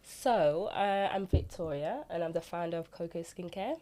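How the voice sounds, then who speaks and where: A woman's voice: fairly low pitch, moderate pace, mellow. A woman speaking as a podcast guest, telling her own story in a casual way. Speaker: podcast guest, small business founder. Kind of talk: casual personal account.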